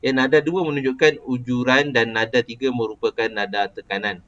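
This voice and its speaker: A man's voice: medium pitch, level tone, a little fast, a bit bright. A man with a Malaysian Malay accent teaching a casual lesson, explaining patiently and quizzing a student. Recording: dull lo-fi recording.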